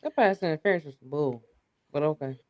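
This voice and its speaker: A woman's voice: low voice, fairly quick, no echo, lo-fi sound. A woman co-hosting a casual sports podcast, sassy and emphatic as she makes her complaints. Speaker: podcast co-host.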